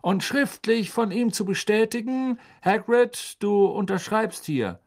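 A man's voice: high voice, measured pace, voice pushed up. A man voicing a pompous male minister reading out a formal decree.

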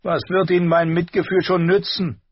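A man's voice: high voice, little pitch movement, moderate pace, no room sound, pitched above the performer's own voice. A man voicing a cruel, spoiled boy prince who whines and sulks, in a storybook reading on a dull dry recording. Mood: sulky. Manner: whiny, petulant.

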